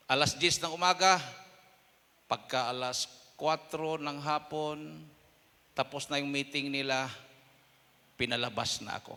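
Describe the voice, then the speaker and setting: Bright-voiced Filipino preacher in echoing hall. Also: male voice, mid-range voice. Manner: storytelling, acting out quoted voices with sudden loud bursts. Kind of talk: sermon testimony. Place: church hall. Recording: long hall reverb.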